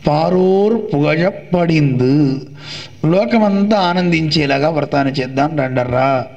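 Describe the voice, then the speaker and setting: A man delivers a devotional discourse in a fairly high voice, posing questions to his listeners and answering them himself. The recording is dull and lo-fi. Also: a little mellow. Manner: explains with questions he answers himself, chants names aloud. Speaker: religious teacher.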